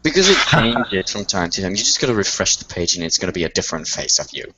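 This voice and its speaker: A man's voice: low-pitched, quick pace. Playful man chatting on a lo-fi call. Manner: playful, laughs often, lively teasing. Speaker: hangout host. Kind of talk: casual group video chat. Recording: dull lo-fi call audio with faint noise.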